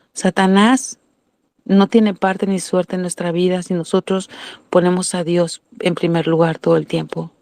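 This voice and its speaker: A woman's voice: medium pitch, creaky, warm tone, dry recording, studio quality. A woman with a Mexican Spanish accent giving a sermon-style Bible lesson, earnest, asking questions and answering them herself. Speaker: Bible teacher.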